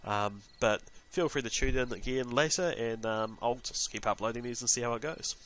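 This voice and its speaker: A man speaks at normal speed in a mid-range, fairly bright voice with a New Zealand accent. Hosting a gaming channel, he keeps up casual, rambling let's-play chatter, talking to himself between remarks aimed at viewers.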